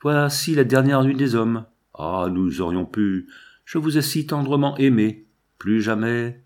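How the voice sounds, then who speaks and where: A man's voice: mid-range voice, animated, measured pace, darkish tone, natural voice. A man reading the lines of an aged male scientist, grave and solemn in his delivery. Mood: mournful.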